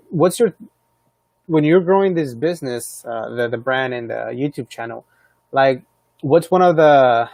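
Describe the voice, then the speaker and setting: A man with a medium-pitched, creaky, somewhat dark voice hosts a live stream as interviewer, asking casual, friendly and inquisitive questions. He frequently cuts in with encouraging affirmations. There's no room sound on the recording.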